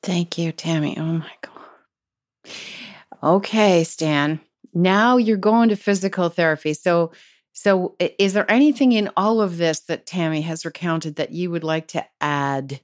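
Lower-voiced woman host, dry sound. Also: unhurried, no room sound. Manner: gently prompting questions. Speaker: interview host. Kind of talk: conversational interviewing.

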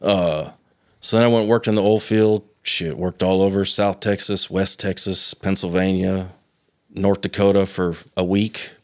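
A man in his thirties talking casually as a podcast guest, relaxed and swearing freely. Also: sits low, normal speed, no echo, clean studio sound. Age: 30s. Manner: laid-back, swears casually.

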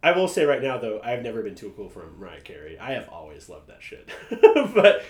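Casual male co-host, laughs a lot, swears freely, lively delivery, roomy sound. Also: mid-range voice, brisk. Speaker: podcast co-host. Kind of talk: casual chat. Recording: roomy echo.

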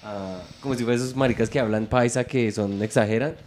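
A man's voice: mid-range voice, a little fast, a little hiss or hum. A man with a Bogotá Colombian accent, telling a story in a casual comedy chat and slipping into mimicked accents. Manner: animated storyteller who slips into mimicked accents. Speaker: podcast host.

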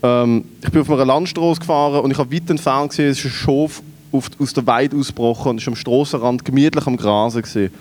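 A man's voice: mid-range voice, fast, few pauses, a little mellow. A man with a Swiss German accent, a podcast co-host telling comic stories and laughing through them while acting out the people he quotes. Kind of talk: comedic storytelling.

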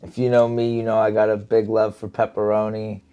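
A man's voice: lowish voice, completely flat delivery, brisk, warm tone, clear, resonant tone, highs cut off. A man co-hosting a casual cooking chat, laid-back and joking, swearing freely. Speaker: co-host.

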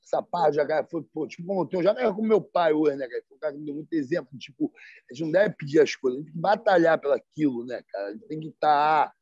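High-voiced rio guy, slangy, does the voices when he quotes people, dry dull mic. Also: fast, a little mellow, breathy edge, dry recording. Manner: slangy, peppered with "sacou" and "né, cara"; acts out quoted dialogue in livelier voices. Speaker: guest. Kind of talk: casual storytelling. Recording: dry, slightly dull sound.

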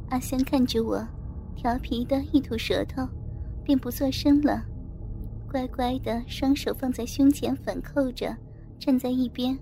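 High-voiced woman narrating an intimate story. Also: mellow, a little hiss or hum. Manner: intimate, addresses the listener directly. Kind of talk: first-person adult audio story narration.

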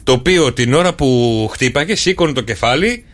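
A man's voice: medium pitch, expressive. A man co-hosting a morning radio show in casual banter, teasing and joking with his co-host. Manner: teasing, jokey, laughs often.

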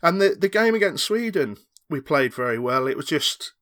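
Panelist, man, bright-toned, rambling and enthusiastic. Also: a little high, big pitch swings, normal speed. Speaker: podcast panelist. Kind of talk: casual chat.

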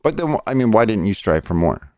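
A man's voice: on the low side, very animated, fairly quick, a little mellow, no echo, clean studio sound. A middle-aged man arguing his opinions in a casual debate, blunt, insistent and given to swearing.

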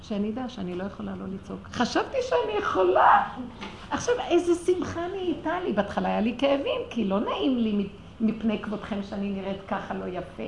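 A woman telling a personal religious story with passion, her voice rising to near-shouting when she is stirred. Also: fairly high pitch, sing-song, gravelly. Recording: roomy echo with faint ambient noise.

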